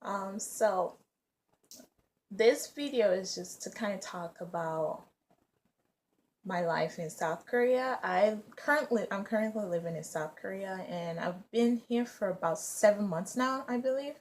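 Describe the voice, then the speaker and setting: A woman's voice: mid-range voice, a little slow. A young woman in her twenties, raised in the US, chatting casually and rambling with lots of fillers. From Nigeria, raised in the US. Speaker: vlogger and English teacher. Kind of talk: casual vlog chat.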